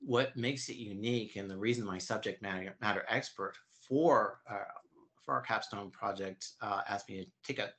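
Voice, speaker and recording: Very deep-voiced man in his fifties. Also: a bit bright. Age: 50s. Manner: explanatory, halting. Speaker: interview guest. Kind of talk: conversational interview answers.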